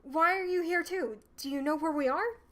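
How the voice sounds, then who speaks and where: A woman's voice: extremely high pitch, normal speed, a bit bright, voice pushed up. A woman voicing an eager, earnest young man, a devoted disciple in a fantasy novel read-aloud. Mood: eager, excited. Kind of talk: voiced character in web novel read-aloud.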